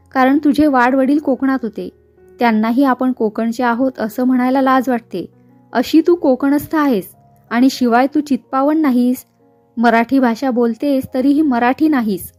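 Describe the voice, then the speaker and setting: A woman reading the lines of a rebellious fifteen-year-old girl who answers gravely and firmly. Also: sits high, steady tone, moderate pace, a little mellow, soft background music, lightly acted. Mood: defiant. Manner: grave, firm retorts.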